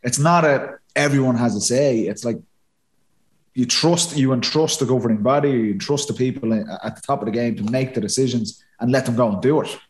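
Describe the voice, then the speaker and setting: A man's voice: medium pitch, brisk. Male co-host, Irish accent, middle register, roomy echo; informal, opinionated, repetitive phrasing. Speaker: podcast host. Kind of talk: casual opinionated discussion.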